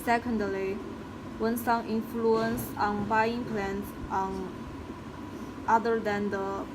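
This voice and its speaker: A young woman student presents her part of a class project, reading in a flat, slow, measured way. Loud air conditioning hum and noise fill the phone recording. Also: mid-range voice. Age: young adult.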